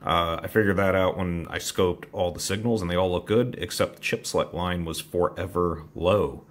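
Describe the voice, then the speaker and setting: At a home workbench cluttered with computer gear, a man casually explains an electronics hobby mod in a rambling, self-deprecating manner. He speaks at normal speed in a low-pitched voice with a steady tone.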